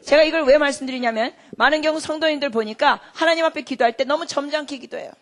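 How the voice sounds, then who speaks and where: Dramatic woman preacher with a highish voice. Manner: dramatic delivery swinging from loud emphasis to hushed whispers; storytelling with rhetorical questions to the congregation. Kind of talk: sermon.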